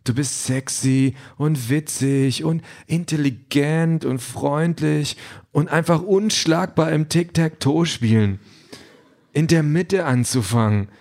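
A man doing a sweet-talking digital boyfriend with a raised, buttery voice that pours out compliments and product tips. The flattery lays it on thick, and the voice sits well above his usual register. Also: fairly high pitch, slow pace, pitched above the performer's own voice. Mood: flattering. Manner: sugary, salesy praise. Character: smooth flattering male AI companion. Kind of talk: audiobook character voice.

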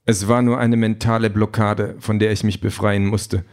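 A composed, literal android politician, read by a man in an audiobook. The voice sits low and speaks in flat, even statements. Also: normal speed, lightly acted. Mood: calm. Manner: flat, matter-of-fact delivery.

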